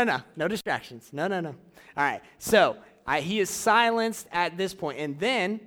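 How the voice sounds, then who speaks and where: A young man preaching casually to a church audience, drawing out key phrases slowly and running a live object lesson. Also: high voice, a bit bright. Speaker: youth pastor.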